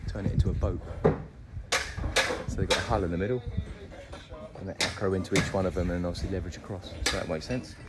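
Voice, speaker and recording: This man's voice is deep and steady, moving at a quick pace yet broken by long pauses. Standing on a loud outdoor construction site, he chats his way through each stage of building his house, with many ums along the way.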